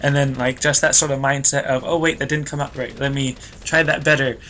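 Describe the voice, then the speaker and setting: A young let's play host narrates his video game in fairly quick, flat commentary, rambling, losing his train of thought, and putting himself down. His mid-range voice is pushed and bright, slightly stuffy-nosed and a bit worn, with faint hiss or hum in the recording.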